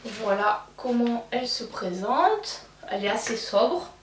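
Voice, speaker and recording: A young beauty vlogger with a French accent, which she mentions herself, chats through unboxing a beauty box, full of fillers and restarts. Her fairly high voice is expressive and measured, recorded from a distance in an echoey room with slight background noise.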